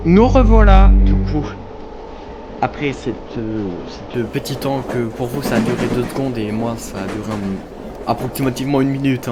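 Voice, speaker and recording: A man chats through his game, teasing himself and addressing his viewers in a loose, casual way. His voice sits at an ordinary middle pitch, with clear game noise and ambience behind him. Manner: chatty, self-mocking, talks to viewers. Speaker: gamer. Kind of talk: casual let's-play commentary. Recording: noticeable background noise.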